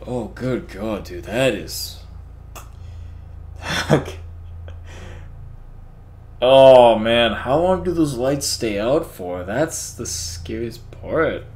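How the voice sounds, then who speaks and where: A man's voice: mid-range voice, lively intonation, very slow, pauses often, a little mellow. A man giving horror game commentary who swears and talks to the monsters. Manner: jumpy, swears and yelps at scares. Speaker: gaming YouTuber.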